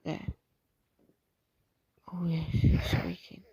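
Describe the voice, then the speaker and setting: Congested woman with a bad cold for a close, whispery roleplay; lowish voice with a lot of fry. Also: little pitch movement, drawn-out words, dark tone, no echo. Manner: intimate, often dropping to a whisper. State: sniffly head cold, congested.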